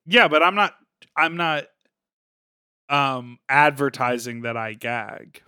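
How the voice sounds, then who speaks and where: A man's voice: medium pitch, takes it slowly, pushed and bright, clean tone, no room sound, clean studio sound. A man co-hosting a crude comedy podcast, playful and giggly while picking apart song lyrics over a video call. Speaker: podcast co-host. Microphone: video call mic.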